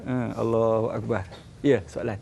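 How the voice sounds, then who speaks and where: Gravelly Malaysian ustaz preaching. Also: male voice, normal speed, slight background noise. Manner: animated, acts out little scenes, jumps to high voices. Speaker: religious teacher. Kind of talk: lively sermon with acted dialogue.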